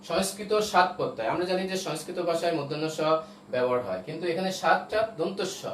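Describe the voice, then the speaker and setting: A man's voice: on the high side, fast talker. A man teaching an online class, explaining step by step and often checking that his students follow. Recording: roomy echo, voice from a distance, faint noise.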